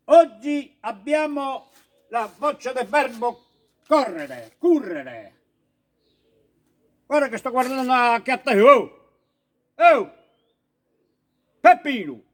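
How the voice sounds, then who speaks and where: A man voicing a gruff rustic mountain villager with a Sardinian accent, who bursts into scolding shouts. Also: extremely high pitch, exaggerated voice.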